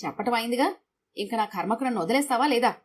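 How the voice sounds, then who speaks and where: A woman's voice: on the high side, quick pace, slight background noise, natural voice. A woman voicing a tired middle-aged husband who lectures his wife. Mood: weary.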